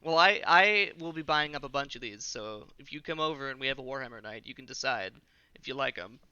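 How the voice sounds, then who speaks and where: A man's voice: mid-range voice, animated, a little fast, sharp tone, clear, resonant tone, no room sound, lo-fi sound. A man hosting a podcast, talking casually and with enthusiasm, with frequent filler words. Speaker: podcast host. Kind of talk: casual chat.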